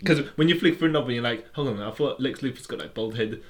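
A man's voice: mid-range voice, fast. Guy cohosting a chatty podcast, rambly, lots of um and restarts. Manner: rambling, explaining with many restarts and fillers. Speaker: podcast co-host. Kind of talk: casual chat.

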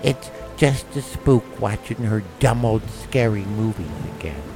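A man voicing a frightened young boy who quietly comforts his toys in a hushed, reassuring way. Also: fairly low pitch, expressive, unhurried, music in the background.

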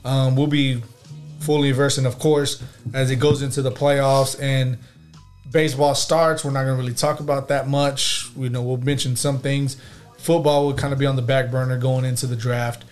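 A man's voice: mid-range voice, little pitch movement, moderate pace, darkish tone, faint music behind. A man hosting a casual podcast chat, talking loosely with lots of fillers and frequent laughs. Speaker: podcast host.

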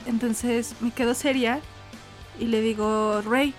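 A woman co-hosting a casual chat, telling a story with lively acted-out voices and frequent laughs. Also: on the high side, normal speed, soft background music. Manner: animated, acts out quoted voices, laughs often. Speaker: podcast co-host.

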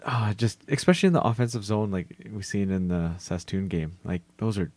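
A man's voice: lowish voice, fairly quick, darkish tone. A man co-hosting a sports podcast, chatting casually about hockey.

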